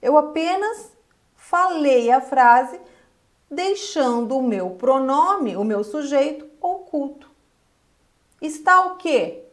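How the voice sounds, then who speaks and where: A woman with a Brazilian Portuguese accent teaching an English grammar lesson, lively and asking her viewers questions directly. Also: high voice, slow. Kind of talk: classroom-style lesson explaining grammar.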